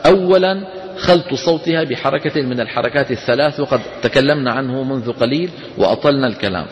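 A man's voice: medium pitch, fast, dull audio. A man teaching a class. He explains step by step, poses questions and answers them himself. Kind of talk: classroom lesson. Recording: long hall reverb.

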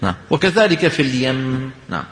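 A man teaching Quran recitation. He asks questions, answers them himself and slowly chants the verses he uses as examples. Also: mid-range voice, big pitch swings, fairly bright tone, a little hiss or hum. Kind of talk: recitation lesson. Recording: long hall reverb.

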